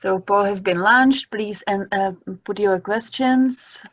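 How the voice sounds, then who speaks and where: A woman's voice: medium pitch, slow pace, dry recording, dull audio. A woman moderating an online talk and running a poll, brief and practical.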